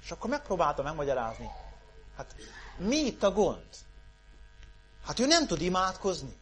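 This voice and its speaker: A man preaching a sermon, moving from loud calls down to hushed pleas. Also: high-pitched, wildly swooping pitch. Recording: mains hum underneath.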